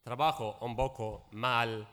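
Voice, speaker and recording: A man from Syria, a native Arabic speaker with a Syrian accent, giving public testimony as a guest speaker in halting, broken speech with repeated words and searching pauses. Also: medium pitch, steady tone, fairly bright tone. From Raqqa region, Syria. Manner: halting, broken Spanish with frequent repetitions and word searching.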